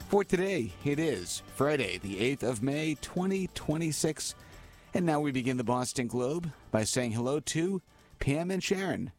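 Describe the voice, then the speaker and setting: A man announcing a radio reading service in a measured, formal way, heard with a tinny sound like a small clock radio. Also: a little high, big pitch swings, faint music behind. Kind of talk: scripted broadcast introduction.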